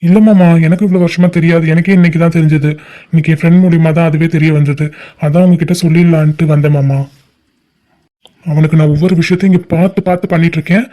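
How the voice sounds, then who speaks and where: A man's voice: on the high side, fairly even intonation, fast talker, warm tone, natural voice. A man voicing a scheming young cousin in a cartoon family drama, talking politely and ingratiatingly to his uncle.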